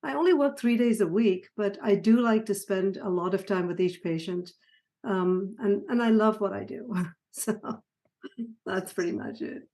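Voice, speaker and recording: A middle-aged woman from Sri Lanka, a psychiatrist guest on an interview, talking warmly with frequent laughs and restarts. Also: mid-range voice, normal speed. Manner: warm, laughing, many restarts. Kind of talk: conversational interview.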